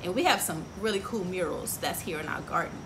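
A middle-aged woman with a lowish voice reads a picture book to young listeners a little fast, reading with expression and asking them questions. She's outdoors on a porch by trees, where ambient noise comes through clearly.

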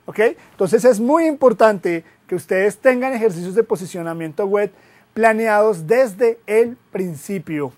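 A man, a guest web consultant giving a classroom lecture, lively and asking rhetorical questions. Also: high-pitched, a little slow. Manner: lively, asks rhetorical questions, jokes at himself.

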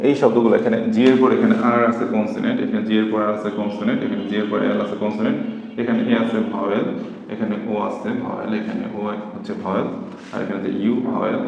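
Slow-spelling male teacher, echoey room. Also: fairly low pitch, vocal fry, darkish tone. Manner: slow, repetitive, spells words letter by letter. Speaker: English teacher. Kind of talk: whiteboard phonics lesson. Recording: echoey room, dull lo-fi sound, faint hiss.

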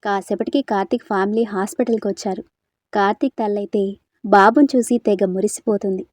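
Female storyteller, mellow voice, dry close sound, narrates a romance and voices all parts herself. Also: medium pitch, steady tone, brisk, no echo. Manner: reads narration and all characters' dialogue in one voice.

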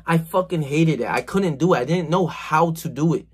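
This twenty-something self-improvement vlogger, almost twenty-one, speaks at a normal pace in a slightly high, breathy voice. Shot on a phone in his small bedroom, his motivational talk to camera is slangy and emphatic, full of swearing and "bro," with plenty of hand gestures.

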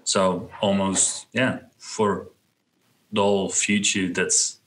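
A man's voice: sits low, level tone, slow, a bit bright, low-quality recording. A young man from the Netherlands speaking with a Dutch accent as a guest on a video call, talking casually and hesitantly with many fillers and restarts. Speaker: guest web designer. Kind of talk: casual interview chat. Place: small home room. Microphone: headset on video call.

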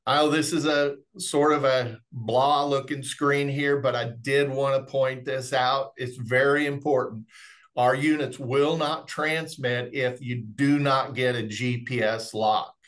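Unhurried and a bit bright, with fairly even intonation in a mid-range voice, this middle-aged man explains technical material in a folksy way. He's a remote monitoring specialist presenting product training on a webinar, indoors on a video call.

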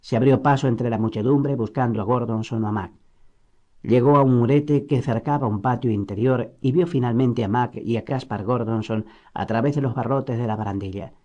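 A man from reads a novel aloud in a steady, measured way. His tone is mellow and darkish at an ordinary pitch, as is typical of a classic audiobook narration. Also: dull audio. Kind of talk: scripted narration.

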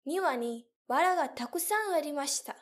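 A young woman teacher telling a story slowly and carefully for learners, with clear, deliberate phrasing. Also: high voice. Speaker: language teacher.

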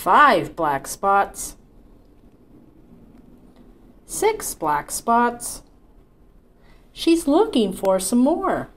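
In an armchair in a small, roomy-sounding indoor space, a middle-aged Canadian woman with a Newfoundland accent leads a home storytime as a children's librarian, filmed by a fixed camera a few feet off. Her slightly high, fairly bright voice swoops wildly in pitch and draws words out, and her manner is cheerful, sing-song and encouraging.

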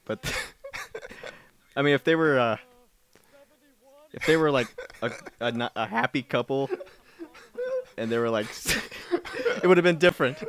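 A man's voice: medium pitch, a little slow, pauses often, fairly bright tone. A man casually commenting on his own movie, rambling and self-mocking, laughing often.

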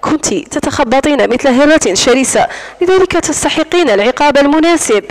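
A domineering wealthy man who sneers and taunts, voiced by a woman narrating an audiobook. He speaks coldly and controllingly, and the voice stays quite high. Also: expressive, a little fast, rough recording. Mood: mocking. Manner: mocking, cold and controlling.

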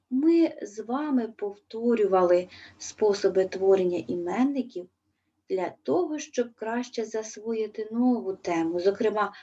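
A woman teacher with a Ukrainian accent giving a remote school lesson, dictating words and suffixes slowly and carefully. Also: medium pitch, dark tone, husky. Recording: dull, lo-fi recording.

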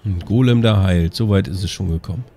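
A man's voice: low-pitched, a little fast. Sarcastic man muttering over gameplay. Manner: chatty, sarcastic muttering at teammates. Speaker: let's play host. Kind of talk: casual gameplay commentary. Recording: game music loud behind voice.

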